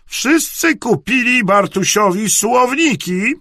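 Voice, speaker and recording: A man doing a sharp-tongued scolding aunt. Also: extremely high pitch, expressive, takes it slowly, dry recording, studio quality, pitched above the performer's own voice, full character voice. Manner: cutting, reproachful. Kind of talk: audiobook reading.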